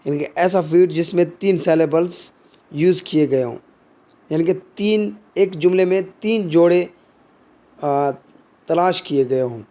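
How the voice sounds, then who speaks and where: A man with a high voice, well above most men's yet dark in tone, explains poetry terms slowly and without hurry. He explains in Hindi, drops in English words, and reads English examples slowly. Short hesitations and frequent fillers fill his pauses.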